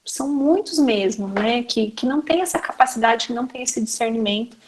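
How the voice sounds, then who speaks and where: Her voice a little high and her pace a little fast, a Brazilian woman speaking with a Brazilian Portuguese accent teaches a class for educators. It comes across as a chatty, conversational lecture, peppered with fillers and frequent direct appeals to the audience.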